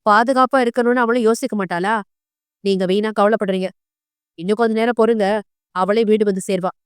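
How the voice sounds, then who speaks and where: A woman voicing an unbothered, curt young husband with a lowered voice in an audio novel. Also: steady tone, a little fast, clean tone, no echo, studio quality, natural voice. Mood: calm. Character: calm, dismissive young husband.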